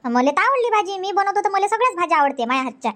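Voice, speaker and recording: In a Marathi comedy cartoon dub, a woman voices a chatty young newlywed wife in a full character voice that is extremely high, bright and rapid-fire, with big pitch swings. The wife pleads, nags, repeats herself and rushes her words, and the recording has no room sound.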